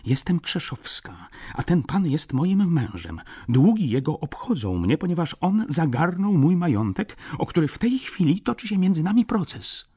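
A man's voice: fairly low pitch, huge pitch swings, unhurried, hardly any pauses, a little mellow, breathy edge, pitched above the performer's own voice, heavily acted. A man reading an audiobook, voicing an agitated middle-aged baroness with a raised, indignant voice.

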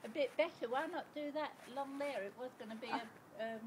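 A high-voiced elderly woman talks casually at her doorstep. She is halting and unsure as she goes. The phone recording has light ambient noise from outside. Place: outdoors at a house doorstep. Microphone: handheld phone held by the other person. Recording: noisy handheld phone recording outdoors.

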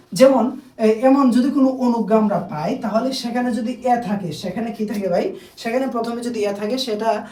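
A teacher giving a recorded grammar lesson, answering their own questions, checking in with "okay?" and repeating key words slowly. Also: medium pitch, darkish tone, distant mic. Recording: echoey room, voice off-mic.

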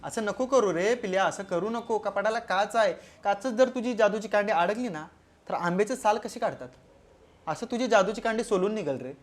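A man's voice: high-pitched, normal speed. A man with a Marathi accent delivering a crude, scolding comedy roast commentary.

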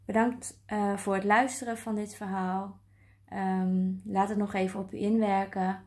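A woman working as a spiritual caregiver, speaking gently and hesitantly with many fillers as she introduces and reads a children's story. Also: mid-range voice, level tone, measured pace. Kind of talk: vlog intro and reading a children's story aloud.

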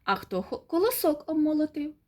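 A patient, hardworking storybook rooster calls out in a loud, earnest voice, as a woman acts him out. His pitch sits a little high and moves in lively swings. He sounds kindly and steady. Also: fairly quick.

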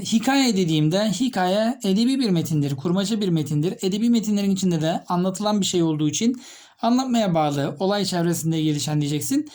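A man's voice: high voice, darkish tone. Man teaching, repeating key terms. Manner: explains step by step, repeats key terms while writing; addresses students directly with questions. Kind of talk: literature lesson.

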